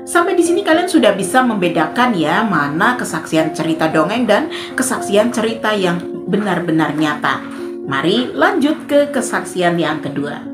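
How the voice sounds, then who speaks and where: A woman's voice: mid-range voice, moderate pace. A woman hosting her channel, giving emphatic religious commentary straight to her viewers. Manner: addresses viewers directly, lively and emphatic. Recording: roomy sound with faint background music.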